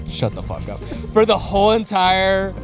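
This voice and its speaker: A man hosting a casual podcast chat, animated and laughing as he rambles. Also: high voice, a little slow. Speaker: podcast host. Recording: music under the talk.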